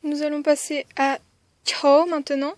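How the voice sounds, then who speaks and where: A woman's voice: sits high, little pitch movement, unhurried, no room sound. A woman teaching a writing lesson step by step, with frequent "euh" hesitations and counting strokes aloud. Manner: counts strokes aloud, softly whispering some counts. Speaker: language teacher.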